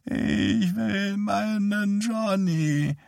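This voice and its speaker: A man voicing a frail old mother dying after a stroke, her voice dry, rough and rattling, whining and fading to a whisper. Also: sits high, very slow, a little mellow, dry recording, pitched above the performer's own voice, heavily acted. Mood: weak, whining. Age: older.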